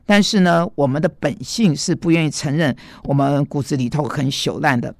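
Gravelly preacher man, dry close sound. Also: a little high, moderate pace, no room sound. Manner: explains Greek word roots, emphatic rhetorical asides. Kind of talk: sermon teaching.

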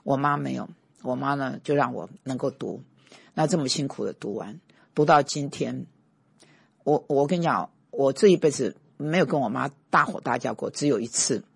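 A middle-aged man preaches in a chatty, story-driven way, his voice gravelly with a husky edge. He leans hard on key points in forceful bursts. The sound is close and dry, with no room echo. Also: medium pitch, normal speed. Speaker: pastor and teacher. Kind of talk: conversational sermon with personal stories.

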